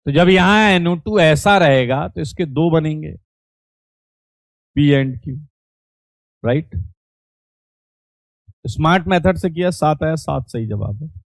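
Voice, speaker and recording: A man's voice: on the high side, lively intonation, takes it slowly, creaky, pauses often, no echo. A man teaching chemistry in an online class, teasing students playfully and calling out their chat answers.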